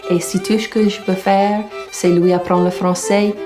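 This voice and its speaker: A woman's voice: medium pitch, level tone, normal speed. A young woman from Louisiana with a Cajun French accent, giving a personal testimony in French as a school teacher. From Louisiana, United States. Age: young adult. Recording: fiddle music behind voice. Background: fiddle music.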